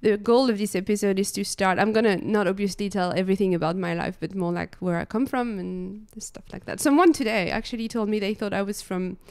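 A woman's voice: medium pitch, a little fast, few pauses, a little mellow, clear, resonant tone, no room sound, studio quality. A woman in her thirties from France with a French accent, hosting a casual podcast chat on a couch with a handheld mic and laughing often. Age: 30s. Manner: giggly, many restarts and fillers. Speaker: podcast host, drone pilot. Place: living room couch. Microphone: handheld dynamic mic.

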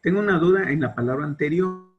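Male student, fairly high voice, courteous and friendly. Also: expressive, quick pace, muffled recording. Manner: polite and friendly, addresses the teacher as brother. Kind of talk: asking a question in class.

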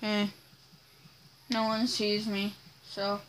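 A woman's voice: medium pitch, completely flat delivery, slow pace, a bit bright, slight background noise, low-quality recording. A woman giving casual commentary while playing a video game, talking to herself in an exasperated way. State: hiccuping. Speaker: gamer playing on a channel.

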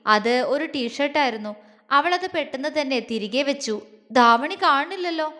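High-voiced woman reading a story. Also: long reverb tail. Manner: expressive, emotive reading. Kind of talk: scripted audio story narration.

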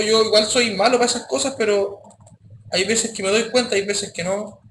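A man teaching a coding class, his voice high and bright. He speaks casually and keeps checking that the students follow. The sound is echoey, with faint background noise. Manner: casual, addresses students directly with frequent checks. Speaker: programming teacher. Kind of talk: live classroom coding lesson.

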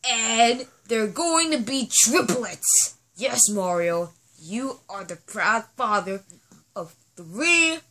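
A woman voicing a boastful cartoon monster king who teases with drawn-out announcements. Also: a little high, animated, sharp tone, a little hiss or hum, voice pushed down, exaggerated voice. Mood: gleeful. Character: boastful villain monster king bringing silly news.

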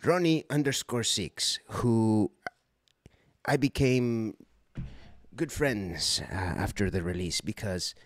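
Man, casual livestream unboxing, excitable and rambling, unhurried pace, close dry sound. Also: lowish voice, no room sound. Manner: excitable, rambling, exclaims often. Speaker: voice actor hosting a fan mail stream.

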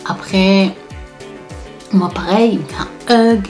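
A woman vlogger with a medium-pitched voice tells a story slowly in a casual storytime style, with faint music in the background. She's animated, acting out the people she quotes and dropping to a whisper for asides.

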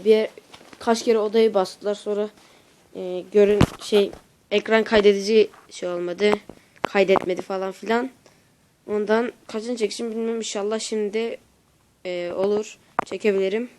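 A woman's voice: medium pitch, fairly even intonation, normal speed, warm tone. Hesitant woman on a noisy recording. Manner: hesitant, restarting, apologetic. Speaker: YouTuber reacting to clips. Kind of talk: casual chat to camera.

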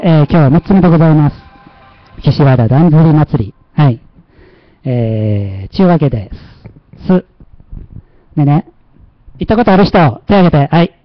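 Casting Man, Kansai accent, slightly high voice, casual livestream host, joking about himself, dry close-miked lo-fi audio. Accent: Kansai Japanese. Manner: chatty and self-mocking, laughing often.

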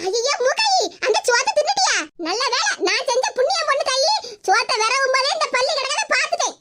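A fussing old village neighbour with a piping cartoon voice and a Tirunelveli accent, voiced by an actor in a sped-up squeaky tone. Heavy hiss fills the background. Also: animated, fast. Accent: Tirunelveli Tamil. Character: gossiping old neighbour woman. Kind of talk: animated village comedy.

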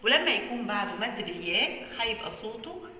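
Lively Egyptian woman teaching kindergarten letters. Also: a little high, echoey room, long reverb tail. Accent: Egyptian Arabic. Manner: slow, drawn-out sounding of letters. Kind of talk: children's writing lesson.

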